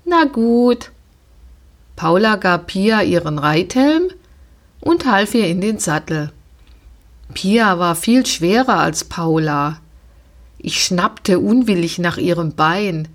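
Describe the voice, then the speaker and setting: A woman narrating a children's storybook reading in an expressive, unhurried way. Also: lowish voice.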